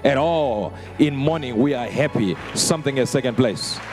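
A man's voice: mid-range voice, normal speed. A middle-aged man giving a public eulogy, emphatic and repeating his phrases. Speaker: speaker at a funeral. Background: music.

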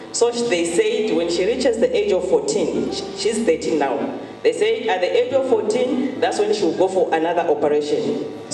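A woman gives an earnest church testimony, circling back to repeat her key phrases. Her voice carries through a big, long-ringing hall. She stands some way off from the mic, with music playing underneath. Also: fairly low pitch. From Zambia. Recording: echoey hall, far from mic, music behind.

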